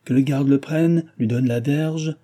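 A man playing a gruff, impatient village judge who gives brusque commands. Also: mid-range voice, unhurried, warm tone, pitched above the performer's own voice, lightly acted.

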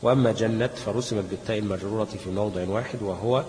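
A low-pitched man with an Egyptian accent explains a recitation lesson in a patient, step-by-step way, putting questions and then answering them himself. His voice carries a long echo from a large hall. There is a faint hum of ambience behind him. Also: quick pace, a little mellow. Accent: Egyptian Arabic. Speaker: Quran recitation teacher.

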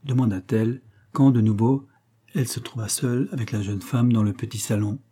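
Dark husky male audiobook narrator. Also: medium pitch, steady tone, a little fast. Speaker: audiobook reader. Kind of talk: scripted narration of a novel.

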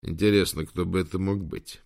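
A man's voice: low-pitched, steady tone, fairly quick, creaky, darkish tone. A man voicing a wry, weary middle-aged professor, close to his own reading voice.

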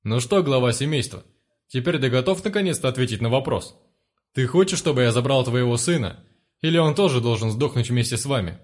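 A man reading aloud, voicing a big, brutal one-eyed male gang leader who swears coarsely and shouts his threats. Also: medium pitch, animated, fairly quick, lightly acted. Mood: mocking menace.

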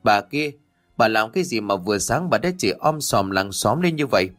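A man's voice: lowish voice, lively intonation, moderate pace, a bit bright. A man playing a tired, hot-tempered village fisherman who snaps bluntly at a noisy neighbor, over faint background music. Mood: irritated. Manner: angry, blunt retorts.

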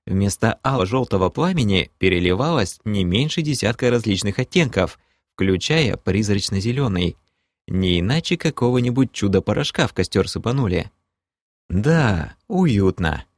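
A man's voice: lowish voice, expressive, moderate pace, no room sound, studio quality. A man narrating a first-person fantasy audiobook in a wry, ironic storytelling manner.

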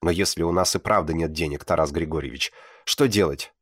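A man voicing a quiet, weary middle-aged mother who pleads softly, in an audiobook reading. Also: extremely low pitch, fairly quick, husky, dry recording, studio quality, heavily acted. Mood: pleading.

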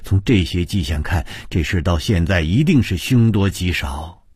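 A man's voice: low-pitched, expressive, moderate pace, darkish tone, breathy edge, dry recording, clean studio sound. A man narrating a ghost story with suspense, his voice rising and falling expressively. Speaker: audiobook narrator.

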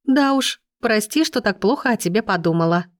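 A woman reading an audiobook, voicing an indignant, sharp-tongued young woman who hisses sarcastic retorts, in a dry, close recording. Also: medium pitch, normal speed, no echo, pitched above the performer's own voice, close to an everyday voice. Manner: hissing, sarcastic outbursts.

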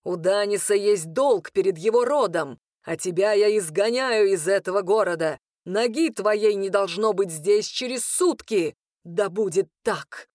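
A woman voicing a stern, commanding male lord in an audiobook, in a harsh lowered voice. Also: a little slow, darkish tone, no echo, studio quality, lightly acted. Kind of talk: audiobook character reading.

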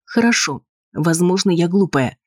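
A man's voice: high-pitched, animated, measured pace, dry recording, clean studio sound, pitched above the performer's own voice. A man reading an audiobook, voicing a worried, insistent wife who argues with her husband. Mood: indignant. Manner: pleading, sharp and defensive. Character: anxious, insistent wife, adult woman.

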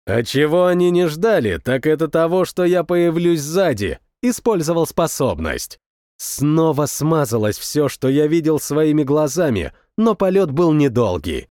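A man narrating a first-person war story as an audiobook, reading with expressive, dramatic delivery. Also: on the high side, unhurried, dry recording, clean studio sound.

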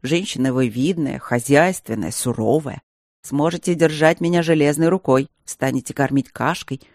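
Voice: mid-range voice, darkish tone, no room sound, studio quality, natural voice. A narrator voicing a capricious, ironic young aristocrat patient in an audiobook. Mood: wheedling. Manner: slow, wheedling, ironic. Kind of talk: audiobook character reading.

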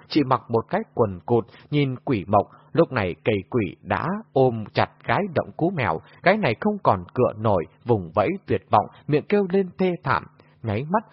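A man's voice: medium pitch, husky, no echo. A man narrating an audiobook in a vivid storytelling way, recorded in a muffled lo-fi way.

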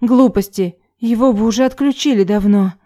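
A woman's voice: a little high, normal speed, dark tone, close to an everyday voice. A woman reading a story voices a frightened young nurse who pleads in a trembling whisper. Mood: whispering shaky.

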